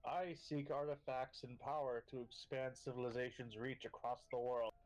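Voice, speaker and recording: A man's voice: medium pitch, fairly even intonation, normal speed, a little mellow, soft background music, low-quality recording. A man playing a tabletop role-playing game, explaining his moves casually and speaking in character with blunt cockiness.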